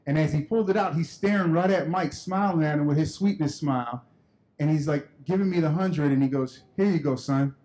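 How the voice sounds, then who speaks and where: A man giving a keynote speech at a conference, telling a personal story in an animated way and acting out the dialogue. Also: a little high, fairly quick, rough recording. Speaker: keynote speaker. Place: conference hall stage.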